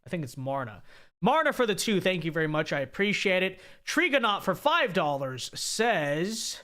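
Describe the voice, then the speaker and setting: Reading viewer super chats on his livestream, a young man speaks in a high, bright, forceful voice that's scratchy and sore. His commentary is opinionated and he restarts his sentences often.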